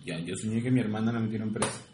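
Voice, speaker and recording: A young man co-hosting a podcast, dry and offhand, mumbling his punchlines quietly. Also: lowish voice, racing. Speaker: podcast co-host. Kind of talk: casual podcast banter. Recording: echoey room with faint noise.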